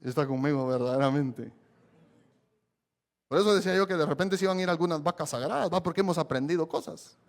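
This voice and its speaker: A man's voice: a little high, fast talker. A man preaching a sermon as a pastor, emphatic and repetitive, often asking the congregation questions. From Guatemala. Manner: emphatic preaching, repeats key phrases, asks the congregation questions.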